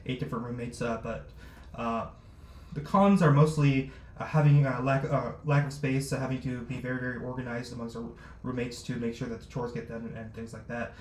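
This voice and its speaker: A man's voice: medium pitch, steady tone, brisk, a little mellow. A man who was born in Luxembourg and raised abroad, a startup founder answering interview questions with many fillers and restarts. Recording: roomy echo, faint noise.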